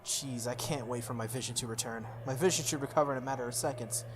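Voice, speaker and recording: Talking fast in a mid-range voice, this man hosts a game playthrough and reads a visual novel dramatically, slipping in casual asides. Game music plays behind him, and the background is noisy.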